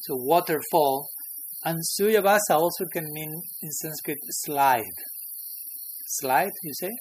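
A man's voice: fairly high pitch, slow, a little hiss or hum, poor audio. A man teaching a scripture class, who chuckles often and keeps checking in with his listeners. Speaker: spiritual teacher.

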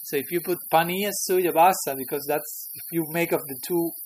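A man's voice: on the high side, normal speed, slight background noise, poor audio. A man teaching a scripture class, who chuckles often and keeps checking in with his listeners. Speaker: spiritual teacher.

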